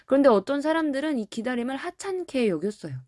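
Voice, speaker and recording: Gentle woman preaching to children. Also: sits high, expressive, quick pace, dry recording, studio quality. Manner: gentle, addresses the children directly. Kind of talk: storytelling sermon for children.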